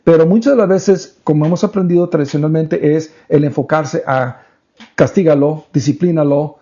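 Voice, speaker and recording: A man's voice: on the high side, moderate pace, warm tone. A man co-hosting a faith-based parenting podcast, speaking in an earnest, teaching way and slipping English words into his talk. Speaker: podcast co-host. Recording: dull lo-fi podcast audio.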